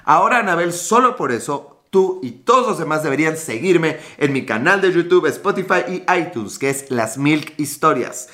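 A man's voice: a little high, animated, normal speed, few pauses, sharp tone. A young man with a Mexican accent chatting casually on a livestream, joking with crude slang and answering viewer comments. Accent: Mexican Spanish. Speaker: livestream host.

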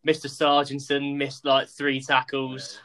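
A man's voice: medium pitch, completely flat delivery, unhurried, pushed and bright. A young man in casual podcast chat, laid-back and laughing, sometimes explaining things for listeners. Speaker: podcast co-host.

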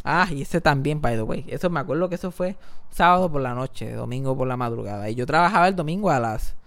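A young man with a Puerto Rican accent tells a funny story in casual chat, animated and profane, squealing high when he quotes himself. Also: quick pace, dry recording.

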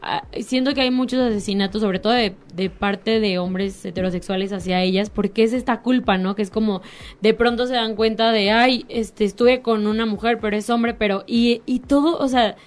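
A woman's voice: fairly high pitch, steady tone, moderate pace. A woman in casual conversation, talking thoughtfully and hesitantly with many fillers.

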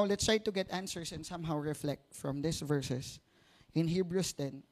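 A Filipino preacher gives a sermon, switching between Tagalog and English. His voice is a little high for a man, and he speaks conversationally, using rhetorical tag questions to win agreement.

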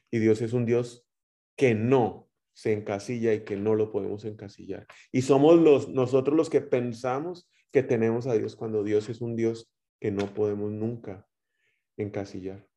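Warm-voiced Guatemalan preacher man. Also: lowish voice, steady tone, unhurried. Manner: storytelling with rising and dropping loudness. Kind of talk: sermon.

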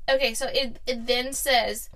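A woman co-hosting a podcast in casual chat, giggly and talking in quick bursts. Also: fairly high pitch, fairly even intonation, a bit bright. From New Orleans. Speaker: podcast co-host.

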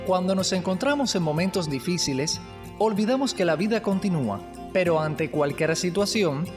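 A woman announcing a radio program in a calm, formal scripted manner. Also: on the low side, moderate pace, music in the background.

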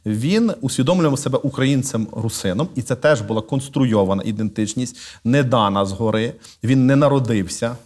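A male literary scholar answers interview questions in a measured, lecturing manner. He often pauses on "uh" as he picks his words, with a plain mid-range voice. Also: medium pitch, darkish tone. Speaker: guest, literary scholar and museum director. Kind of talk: thoughtful explanatory interview talk.

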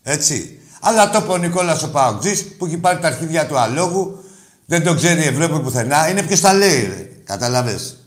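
A man's voice: fairly high pitch, animated, roomy sound. Brash, combative male radio host. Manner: brash, combative, crude banter. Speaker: sports radio call-in host. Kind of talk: heated call-in argument.

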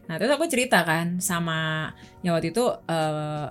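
A young woman from Indonesia talks openly about her own experiences in a relaxed chat, her voice sitting on the low side. Faint music plays quietly beneath her words. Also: moderate pace. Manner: candid, personal storytelling. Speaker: guest. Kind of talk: casual chat.

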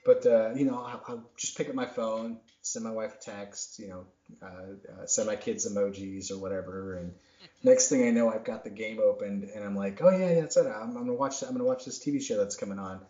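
Hosting a casual podcast chat, a thirties-aged man speaks in a lowish, mellow voice at a brisk clip. His talk wanders, leans self-deprecating, and is packed with fillers, and the sound is roomy, dull, and lo-fi.

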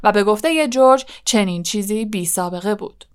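A woman reading a storybook audiobook aloud in a measured way, often dropping to a hush. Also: medium pitch, clear, resonant tone. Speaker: audiobook narrator. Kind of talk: scripted storybook narration.

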